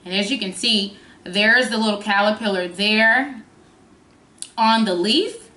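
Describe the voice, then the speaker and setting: A woman teacher reading a picture book aloud to young children in an expressive sing-song way, engaging them with simple questions. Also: mid-range voice, measured pace. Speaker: kindergarten teacher. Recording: roomy, echoing sound.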